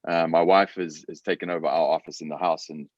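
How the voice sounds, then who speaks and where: A man's voice: very deep voice, fairly even intonation, fast talker, slight background noise. A man from Africa, a guest chatting casually in an interview from his garage, hesitant with many fillers and repeated words. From South Africa. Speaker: guest entrepreneur. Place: home garage. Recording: dull lo-fi sound.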